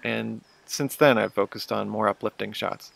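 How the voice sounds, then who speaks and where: Gravelly low-voiced man telling a story. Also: steady tone, moderate pace, fairly bright tone. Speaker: narrator of a wildlife photo video. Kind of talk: casual storytelling narration.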